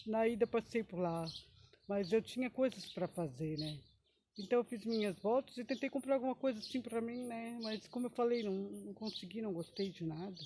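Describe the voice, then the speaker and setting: A woman's voice: on the high side, mellow, a little hiss or hum. A woman giving an emotional personal testimony, rambling, often adding tag questions and breaking into short praise exclamations.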